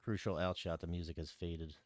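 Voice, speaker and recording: A man's voice: sits low, little pitch movement, a little fast, no room sound. A man giving casual, teasing live commentary on darts in colloquial, conversational language.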